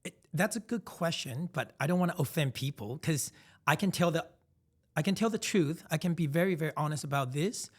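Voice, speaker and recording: A man's voice: a little high, lively intonation, fairly quick. A man in his thirties, originally from Taiwan, co-hosting a casual podcast chat and telling emphatic, reflective stories with frequent restarts. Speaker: podcast co-host.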